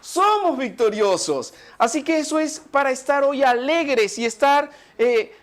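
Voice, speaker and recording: A man with a Chilean accent preaching a sermon, swinging from loud to hushed. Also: very high-pitched, lively intonation, unhurried. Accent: Chilean Spanish.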